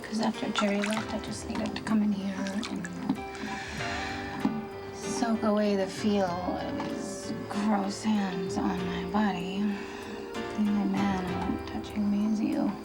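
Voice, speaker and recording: A woman's voice: medium pitch, flat delivery, a little slow, loud music behind the voice, lightly acted. An actress playing a flirtatious woman relaxing in a bathtub, soap opera style. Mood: flirty. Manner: sultry, intimate.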